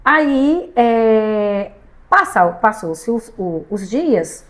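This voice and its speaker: A woman with a Brazilian Portuguese accent tells a story on a studio podcast. Her voice sits a little high, and she talks in a lively, laughing way, acting out the dialogue as she goes. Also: extremely slow. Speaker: podcast guest. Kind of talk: casual storytelling chat.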